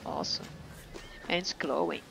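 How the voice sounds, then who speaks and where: A let's-play gamer giving casual, excitable commentary while playing. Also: medium pitch, normal speed, vocal fry, noisy background. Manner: excitable, chatty, gushing. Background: game music.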